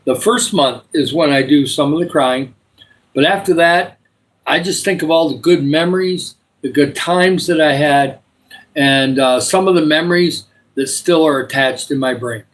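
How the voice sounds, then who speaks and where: Speaking at a normal pace in a fairly high voice, this sixty-something man runs a live stream where he chats loosely with viewers and prays for them, drifting from topic to topic.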